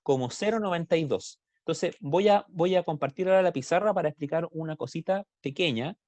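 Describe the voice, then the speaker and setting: A man's voice: on the high side, fairly quick, darkish tone, no room sound. Chilean male math teacher, online class, computer mic, dry sound, asks questions step by step. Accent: Chilean Spanish.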